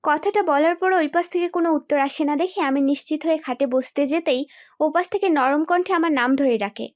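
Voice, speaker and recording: A young woman narrating a story in the first person, expressive and storytelling. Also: high voice, fairly quick, no room sound, studio quality.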